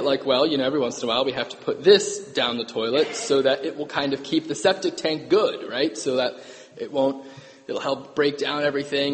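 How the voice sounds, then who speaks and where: A man serving as priest, reading the gospel and giving a homily in a casual, self-correcting way that keeps checking in with the congregation, heard with a cathedral echo. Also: mid-range voice. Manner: conversational, self-correcting, asks the congregation "right?". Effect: cathedral echo, long church reverb. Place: large church. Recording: long echoey church reverb.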